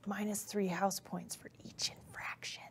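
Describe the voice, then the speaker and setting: Woman talking in a breathy stage whisper. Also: medium pitch, little pitch movement, measured pace. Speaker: board game player on a stream. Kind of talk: stage whispering during play.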